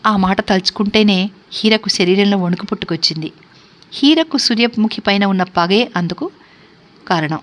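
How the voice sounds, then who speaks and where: A woman storyteller narrating a classic novel in a steady, measured reading voice. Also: mid-range voice.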